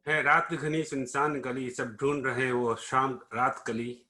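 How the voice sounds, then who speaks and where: A man recites his own verse in a measured, rhythmic way. His voice is bright and forceful. He keeps the lines steady. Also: mid-range voice. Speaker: participant reciting his poem. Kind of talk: poetry recitation.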